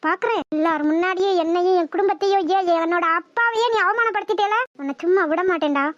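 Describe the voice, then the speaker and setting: A bitter young cartoon woman with a thin, very high, bright voice, as a voice actor puts her on. She vows revenge and then pleads for forgiveness. The audio is dull and lo-fi. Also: fast, no echo. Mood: bitter vengeful. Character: jealous young woman, bitter, vengeful, just out of jail.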